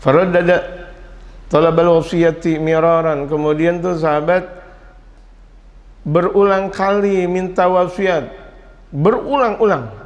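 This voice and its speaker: Animated male preacher in a reverberant hall. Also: slow, long pauses, dull audio. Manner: animated storytelling, mixing Arabic quotes with casual Indonesian, sudden jumps in pitch. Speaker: Islamic preacher. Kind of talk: lively religious study sermon.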